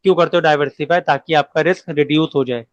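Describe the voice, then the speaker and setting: A male commerce teacher with an Indian accent gives a recorded lecture, explaining in everyday speech, asking rhetorical questions and reading English definitions slowly. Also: a little high, steady tone, no room sound, muffled recording.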